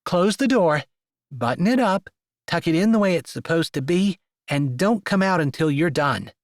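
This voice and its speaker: A man's voice: expressive, moderate pace, dry recording, lightly acted. A stubborn young ranch woman with a lifted, pushy voice , as a male narrator puts her on. She snaps her lines back sharply and refuses to give ground. The storybook reading has a dry, close sound. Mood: bossy. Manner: sharp, insistent, higher-pitched delivery.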